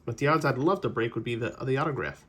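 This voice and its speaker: A man's voice: medium pitch, fast, fairly bright tone, breathy edge. A man casually opening trading card packs on his channel, rambling through player trivia and correcting himself as he goes. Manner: chatty, rambling trivia asides with self-corrections. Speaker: card-collecting channel host. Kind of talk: casual pack-opening commentary.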